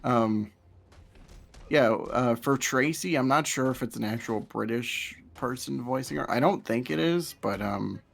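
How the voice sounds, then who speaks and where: A man's voice: mid-range voice, measured pace, vocal fry. A young man co-hosting casual gameplay commentary, chatty and laughing, with frequent restarts. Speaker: gaming channel co-host.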